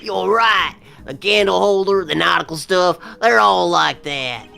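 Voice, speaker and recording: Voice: mid-range voice, measured pace, vocal fry, bright, forceful tone, soft background music, exaggerated voice. A performer voicing a bumbling, cheerful male detective sidekick in an improvised comedic fan dub, goofy and eager.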